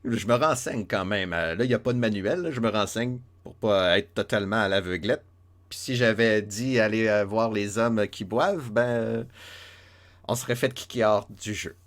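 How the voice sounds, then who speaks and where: A man talks through a game in a relaxed, joking way, often looping back on his words. His voice sits on the low side. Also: moderate pace. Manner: playful, joking, many fillers and restarts. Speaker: let's play host. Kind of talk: casual game commentary.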